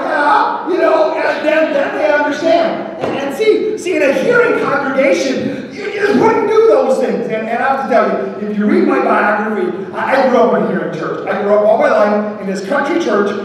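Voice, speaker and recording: A man, a pastor from the United States, giving a lively storytelling talk to an audience, repeating words and quizzing his listeners. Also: very high voice. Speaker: pastor giving a ministry presentation. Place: large echoey hall. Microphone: distant from the microphone. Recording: echoey hall from far off.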